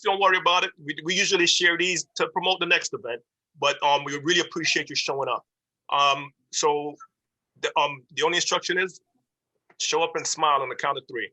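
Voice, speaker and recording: A man hosting a video call, wrapping up casually with a relaxed, friendly manner. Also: a little high, fairly quick, rough recording. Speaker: host. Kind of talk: casual meeting wrap-up.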